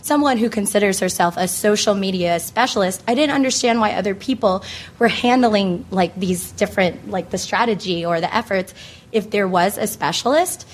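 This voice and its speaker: An American woman moderating a panel, hoarse from laryngitis, speaking in a casual, conversational way with plenty of filler phrases like "you know". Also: mid-range voice, moderate pace, slight background noise. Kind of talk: informal panel introduction to an audience.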